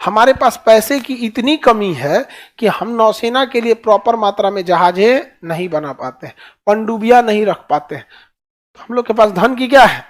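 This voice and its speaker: A man's voice: sits high, animated, normal speed. A man teaching a classroom lecture in colloquial Hindi with a Bihari accent, often asking his listeners rhetorical questions.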